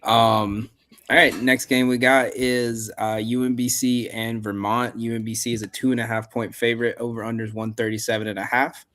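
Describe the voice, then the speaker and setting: A man's voice: medium pitch, little pitch movement, moderate pace, fairly bright tone. A man hosting a sports betting show, reading out spreads and percentages and passing to each panelist. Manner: reads out betting lines and percentages, hands off to panel. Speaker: host.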